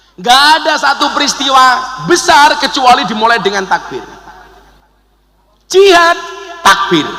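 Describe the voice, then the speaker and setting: A middle-aged man with a Javanese accent preaching a humorous sermon to a congregation, joking and chanting verses slowly. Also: high voice, sharp tone. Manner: jokey, switches between Indonesian and Javanese, chants verses slowly. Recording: long hall reverb.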